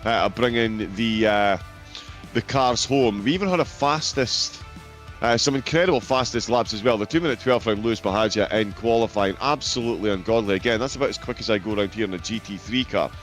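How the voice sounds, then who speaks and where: A man's voice: fairly low pitch, brisk, faint music behind. A man, commentating on a sim racing event in an enthusiastic, upbeat way. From Britain. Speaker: race commentator.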